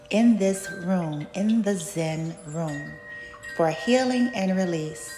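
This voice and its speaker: A woman speaking as a Reiki healer and channel host, giving a spiritual session preview in a soothing, unhurried, mystical manner. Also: lowish voice, mellow. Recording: echoey reverberant sound with music and chimes.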